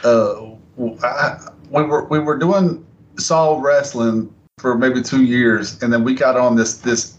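A man's voice: mid-range voice, steady tone, slow pace. A man as a podcast guest, telling stories in a casual, rambling way with many fillers and restarts. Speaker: guest wrestler. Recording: slightly dull lo-fi audio with faint noise.

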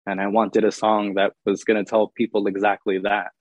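Young male singer-songwriter, low voice, dry close sound, candid interview guest. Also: level tone, normal speed, dry recording, dull audio. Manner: earnest, open, with many ums and you-knows. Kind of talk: reflective interview answers.

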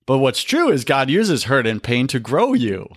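A man's voice: mid-range voice, huge pitch swings, normal speed, no echo, clean studio sound. A man talking on a faith podcast, preaching with emphasis and often calling the listener brother. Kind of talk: faith-based podcast talk.

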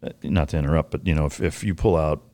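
Podcast host, man with a very deep voice, casual questions, dry close sound. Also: steady tone, fast talker, mellow, dry recording. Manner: frequent brief agreement, casual swearing.

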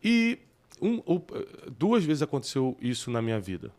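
A man's voice: mid-range voice, sing-song, moderate pace, darkish tone. A man, a podcast host candidly telling personal stories in casual conversation and laughing at himself.

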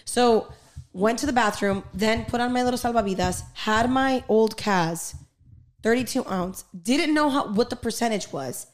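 A woman's voice: on the high side, normal speed. Lady podcaster chatting casually, swears a lot, hops between english and mid sentence. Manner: switches between Spanish and English midsentence; swears freely. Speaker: podcast co-host. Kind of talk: casual chat, storytelling.

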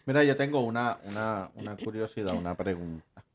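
A man's voice: fairly low pitch, expressive, brisk. A man, a father asking playful, teasing questions in a casual family chat. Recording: noisy recording.

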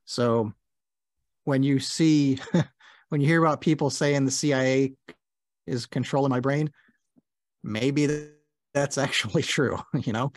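A man's voice: mid-range voice, fairly even intonation, a little slow, long pauses, dry recording. A man co-hosting a podcast who reads a definition aloud, then cracks a joke about it. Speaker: podcast co-host. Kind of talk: casual chat.

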